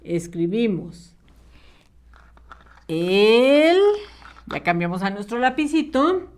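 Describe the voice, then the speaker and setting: A woman's voice: a little high, very animated, a little slow. A woman teacher leading a children's literacy lesson, encouraging the young viewers and stretching out syllables.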